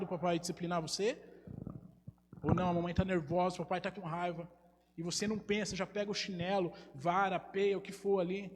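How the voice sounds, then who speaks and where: A man, preaching a sermon as pastor and putting rhetorical questions to his congregation. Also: sits high. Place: church hall. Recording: live church stream with long reverb and faint hum.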